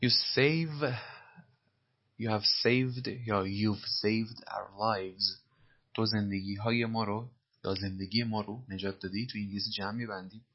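A man with a husky voice teaching English phrases, patiently explaining and repeating them slowly. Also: on the low side, muffled recording.

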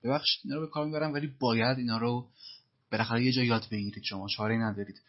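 A man teaching English, who slowly repeats phrases from film dialogue and then explains them. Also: medium pitch, fairly even intonation, muffled recording.

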